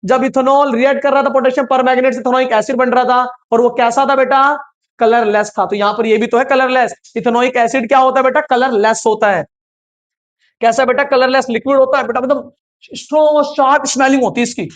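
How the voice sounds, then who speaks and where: A man's voice: very high-pitched, steady tone, fairly quick. A male science teacher lecturing an online class. He quizzes his students, repeats each answer, and keeps reassuring them in a coaxing tone. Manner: repetitive quizzing, calls students "beta".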